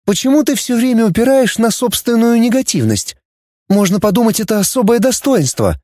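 A man voicing an earnest young woman who is quick to take offense, in a high, pleading, indignant tone. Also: lively intonation, mellow, no room sound, studio quality. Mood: questioning.

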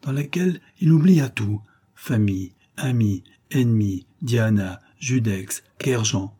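A male narrator reading a classic novel aloud with measured, dramatic phrasing. His voice is low and dark, with a husky, unpolished edge. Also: lively intonation. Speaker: audiobook narrator. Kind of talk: literary audiobook reading.

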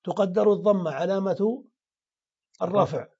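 A man's voice: high-pitched, normal speed, dark tone, breathy edge, muffled recording. A man teaching grammar in a classroom lesson, explaining step by step and answering his own questions.

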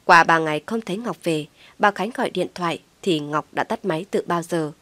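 A woman narrating a family drama story aloud, voicing all the characters herself with louder, more emotional quoted lines. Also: on the low side, brisk, dry recording. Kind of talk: scripted story reading with voiced dialogue.

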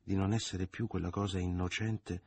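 A man reading a novel aloud as an audiobook, in measured and dramatic narration that at times sinks quiet. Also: low voice, little pitch movement, creaky, slightly rough. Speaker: audiobook reader.

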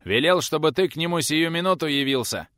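A man voicing a brash, self-important young church servant who shouts his orders. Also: sits high, very animated, moderate pace, dry recording, clean studio sound, voice pushed up, heavily acted. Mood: shrill insistent.

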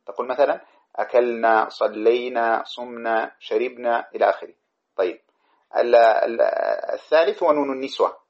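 A man teaching a lesson on a grammar poem, reciting verses and then explaining them with many examples. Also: mid-range voice. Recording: dull lo-fi recording.

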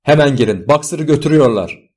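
A man voicing an old grumpy male donkey, shouting urgently in an audiobook. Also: on the low side, big pitch swings, brisk. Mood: frantic shouting.

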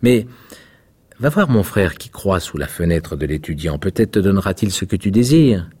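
A man voicing a proud, dreamy yellow rosebush in a slow, sweeping, declaiming manner. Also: low-pitched, sing-song, breathy edge, exaggerated voice. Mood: lyrical.

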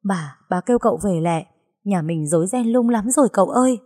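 A woman's voice: medium pitch, lively intonation, fairly quick, a little mellow, slightly rough. A woman voicing a young male servant who stammers and sobs in panic. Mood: panicked sobbing. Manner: sobbing, stammering.

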